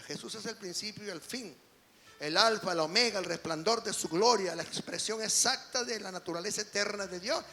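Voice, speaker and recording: A man preaches an emphatic sermon in a high, gravelly voice. His tone is bright and forceful, and he swings between quiet stretches and shouted peaks. The sound carries the long reverb of a large hall. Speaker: apostle preaching.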